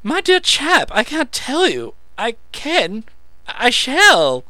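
A squeaky, shrill eccentric alchemist, bursting with manic excitement. He blathers breathlessly, his voice leaping high and loud, with a bright, sharp edge. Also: slow pace, no room sound, exaggerated voice. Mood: excited.

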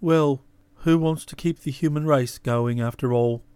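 Woman reader voicing a jilted young Englishman, hollow and halting, low and mournful, smooth dry sound. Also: warm tone, no room sound. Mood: aggrieved.

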